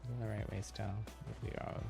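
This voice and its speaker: A game livestreamer with a lowish voice and vocal fry speaks at normal speed in a flat delivery. He gives casual live commentary, thinking aloud in a mild-mannered way, while loud game music plays behind him.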